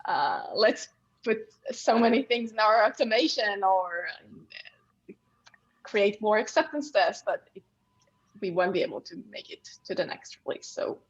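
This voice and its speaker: A woman talks through ideas in a casual team meeting. She is slow and halting, often doubling back on words, at a middling pitch, over dull lo-fi call audio. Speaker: software team member in a meeting. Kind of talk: casual work meeting talk.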